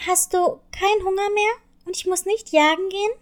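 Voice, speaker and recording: A woman's voice: very high-pitched, steady tone, brisk, pitched above the performer's own voice. A woman voicing a kind, eager little girl kitten in a children's story. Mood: sweet. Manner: sweet, earnest, eager. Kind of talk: storybook reading.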